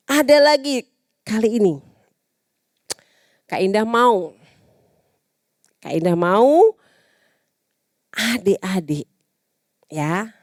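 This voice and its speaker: A young Indonesian woman teaching a children's church lesson, patient and animated as she talks to little kids. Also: medium pitch, no echo, studio quality. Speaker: Sunday school teacher.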